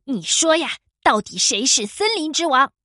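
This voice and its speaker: A woman's voice: high-pitched, big pitch swings, normal speed, pushed and bright, no room sound, clean studio sound, exaggerated voice. A woman voicing a mocking, bullying young male wolf who sneers and threatens.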